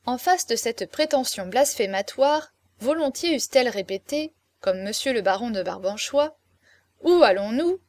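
A woman narrating a classic novel with clear, even storytelling. Her voice sits fairly high and the recording is dry and close, with no room sound. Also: moderate pace, few pauses, no room sound. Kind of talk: audiobook reading of a classic novel.

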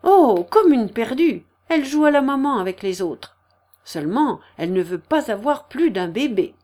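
A woman voicing a jovial, hearty middle-aged man who talks in loud, laughing, cheerful chatter, read as an audiobook character. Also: on the high side, very animated, moderate pace, pitched above the performer's own voice. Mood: gushing.

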